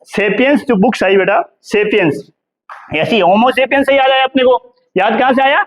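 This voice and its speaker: A man's voice: extremely high pitch, moderate pace. A middle-aged male history professor from India giving a classroom lecture, who asks the students questions and answers them himself, calling them "beta" and tagging "hai na" onto his sentences. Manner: calls students "beta" and keeps adding "hai na".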